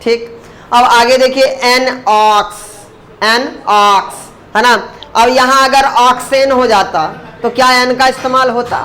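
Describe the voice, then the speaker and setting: A man teaching a grammar lesson, who explains slowly, sounds words out syllable by syllable, and keeps asking his students questions that he answers himself. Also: very high-pitched, steady tone, bright, forceful tone.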